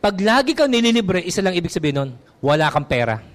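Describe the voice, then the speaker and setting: A Filipino-accented male pastor delivers a sermon in a high, bright-pitched voice that swoops up and down with energy. He shifts between Tagalog and English and keeps asking his congregation for an amen. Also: fast. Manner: animated, mixes Tagalog and English, asks the congregation for amens.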